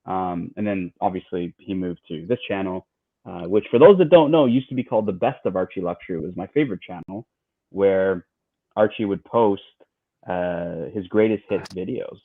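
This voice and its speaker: Low-voiced man on a tinny line. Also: moderate pace. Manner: relaxed, chatty, many fillers and repeats. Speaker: livestream co-host. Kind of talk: casual livestream chat.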